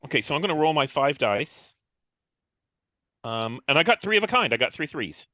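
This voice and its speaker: A man's voice: a little high, very animated, normal speed, pushed and bright, dry recording, muffled recording. A man playing a tabletop game online, curious and asking about the rules. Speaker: player. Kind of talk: tabletop roleplaying chat.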